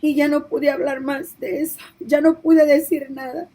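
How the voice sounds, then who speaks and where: A woman's voice: high voice, fairly even intonation, normal speed, dark tone, low-quality recording. A woman preacher giving an emotional testimony of a vision, her voice breaking into tears as she pleads and repeats herself. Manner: repetitive, pleading storytelling.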